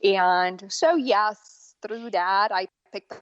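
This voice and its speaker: A woman in her forties, born in Bosnia and raised in Germany, speaking as an as a makeup artist guest on an interview podcast, unhurried and earnest. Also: medium pitch, fairly bright tone, no echo, lo-fi sound. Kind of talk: casual interview talk.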